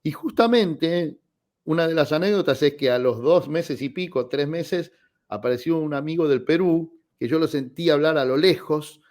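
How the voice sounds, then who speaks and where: A tenor singer in his forties with an Argentine accent appears as a guest on a radio interview, sharing personal anecdotes in an expressive, conversational way. His voice is on the high side and moves at a moderate pace.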